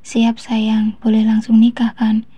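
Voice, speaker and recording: A woman reading as a flustered young man, breathy and flat. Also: a little high, slow, no echo. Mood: teasing. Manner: flustered, rambling, teasing. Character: panicky young man, lovestruck fiancé.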